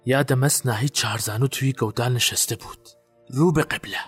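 An actor playing a guilt-haunted man recalling a night burial, in a halting, haunted way. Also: medium pitch, husky, soft background music, lightly acted. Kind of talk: audio drama acting.

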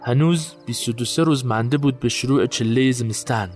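A man's voice: mid-range voice, a little mellow, soft background music, lightly acted. A man playing a haunted, guilt-ridden witness. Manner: halting, haunted recollection. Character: guilt-haunted man recalling a night burial. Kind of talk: audio drama acting.

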